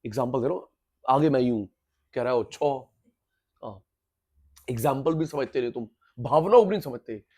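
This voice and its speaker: A man's voice: mid-range voice, moderate pace, pauses often, dark tone, husky. A man teaching a classroom lecture, drilling terms over and over, mixing in English, and teasing students who come in late. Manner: teasing, scolds latecomers playfully.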